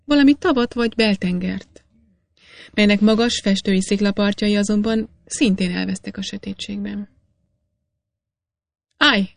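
A woman reading a classic adventure novel aloud in an even storytelling manner. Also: medium pitch, gravelly, no room sound. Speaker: audiobook reader. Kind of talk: scripted narration.

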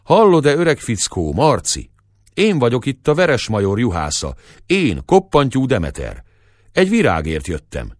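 A stubborn old village shepherd with a gruff, emphatic way of speaking, as a male storyteller puts him on. His lines come in a dry, close voice that swings widely in pitch. He is proud but soft toward his son. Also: wildly swooping pitch, no room sound.

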